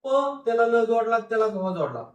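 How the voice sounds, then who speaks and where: A male teacher giving a phonics lesson, speaking slowly and repeating each word for the class to read back. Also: sits high, lively intonation, muffled recording. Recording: echoey room, voice from a distance.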